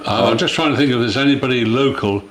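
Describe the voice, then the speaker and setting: A man's voice: medium pitch, fast talker, over a noisy crowd. An older man from rural Devon chats and reminisces in old West Country dialect with a Devon accent. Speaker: local villager being interviewed. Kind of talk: casual reminiscing chat. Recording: echoey room, faint background noise.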